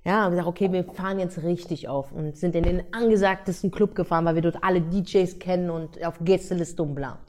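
A young woman telling a party story in casual podcast chat, slangy and animated, acting out her friends' voices. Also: fairly low pitch, fast talker, few pauses.

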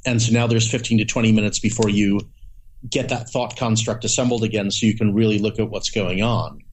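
A man's voice: fairly low pitch, steady tone, a little fast, slight background noise. A man chatting casually as a podcast guest, rambling with many restarts and playful acted-out asides. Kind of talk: casual conversation.

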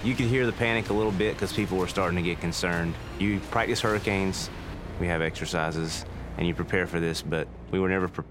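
A man's voice: low voice, steady tone, a little fast. A man in military service recounting his experience in a documentary interview. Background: music.

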